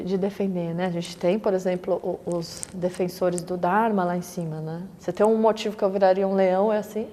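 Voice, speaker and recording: A woman's voice: medium pitch, mellow, long reverb tail. A woman, a Buddhist teacher giving a conversational dharma talk, often tagging her sentences with little questions to the listeners. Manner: conversational, frequent tag questions, acts out quoted voices.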